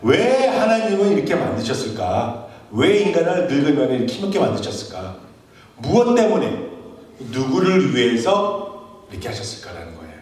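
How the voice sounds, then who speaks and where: A man preaching a sermon as a junior pastor, telling stories and asking his listeners questions. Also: moderate pace. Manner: storytelling with rhetorical questions, animated swings of pitch. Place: church basement hall. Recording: echoey church hall, mic far off.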